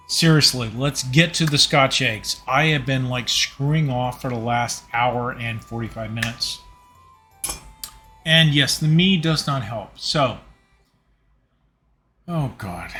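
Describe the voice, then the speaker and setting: A man's voice: mid-range voice, pushed and bright. Slightly drunk guy rambling to his stream chat while cooking, faint guitar playing in the back. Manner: rambling, talks to chat viewers. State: tipsy. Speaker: livestream host cooking. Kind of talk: casual livestream chat. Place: home kitchen.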